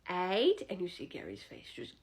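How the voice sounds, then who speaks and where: A woman telling a comedic story in a casual, animated way, with quick asides and drops to a hush. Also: fairly low pitch, breathy edge.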